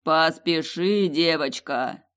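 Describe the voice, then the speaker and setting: Woman voicing a slow booming ruby heart spirit. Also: fairly bright tone, clean tone. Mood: teasing. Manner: slow, drawn-out, teasing. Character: ancient booming magic ruby heart, sly and amused.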